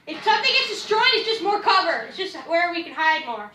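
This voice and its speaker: A very high, bright child's voice chats through a video game with lots of excited swings. The kid is slangy and complaining, picked up from a distance in an echoey room. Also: a little fast. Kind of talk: excited casual gaming chat. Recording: echoey room, distant mic, faint noise.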